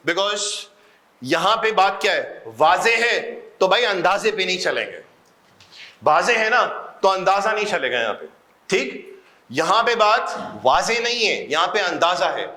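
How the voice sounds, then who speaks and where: A man's voice: high voice, pushed and bright. Male lecturer, emphatic, repetitive, prompts students to answer, echoey room. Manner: repeats points emphatically, drills students to answer aloud. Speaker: accounting lecturer. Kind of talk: classroom lecture.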